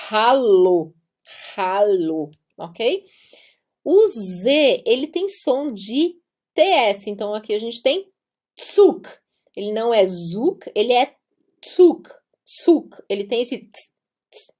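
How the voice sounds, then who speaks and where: Brazilian woman teaching German sounds, high-voiced. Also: darkish tone. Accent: Brazilian Portuguese. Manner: patient, emphatic, repeats key words, drawn-out demonstrations. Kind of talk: pronunciation lesson.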